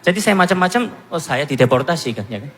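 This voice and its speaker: A man from Korea giving a personal testimony to a church congregation, telling his story in an animated, self-mocking way. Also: fairly high pitch, fast talker, long reverb tail. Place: church hall.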